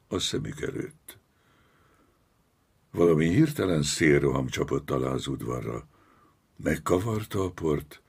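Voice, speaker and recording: A man narrating a novel as an audiobook, measured and dramatic. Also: a bass voice, creaky, a little mellow, slightly rough. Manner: slow, measured, dramatic storytelling.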